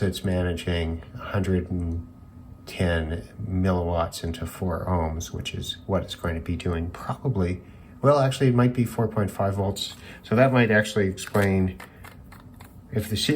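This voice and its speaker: This hobbyist radio reviewer has a low, darkish voice and talks off the cuff while tearing down electronics. His manner is tentative and reflective, as though he's reasoning it out aloud, and there's some background noise on the recording.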